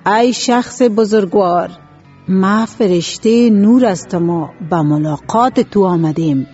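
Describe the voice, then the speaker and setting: A woman voicing a sly thief who poses as an angel, talking smoothly and ceremoniously. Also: medium pitch, warm tone, muffled recording, faint music behind, natural voice.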